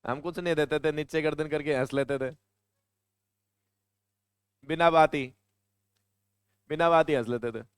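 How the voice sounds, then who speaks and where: A male teacher with a Hindi accent lectures his class and drifts into chatty anecdotes, now and then scolding the students. His voice sits fairly high and sounds smooth and crisp. The recording is dry and close, with little room sound. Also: fairly even intonation, a little slow, pauses often, no room sound.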